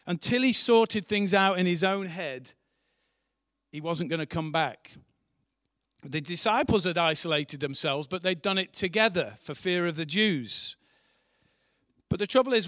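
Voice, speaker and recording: Pastor guy preaching, kinda high voice, keeps asking the room questions. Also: fairly bright tone, clean tone, no room sound, studio quality. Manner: earnest, asks the congregation rhetorical questions. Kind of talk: sermon. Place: church.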